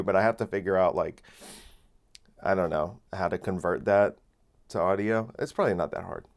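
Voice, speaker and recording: Rambling young man hosting a podcast. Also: lowish voice. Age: late 20s. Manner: rambling, halting, many fillers and restarts. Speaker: podcast host. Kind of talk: casual solo podcast monologue. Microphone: phone camera and separate microphone.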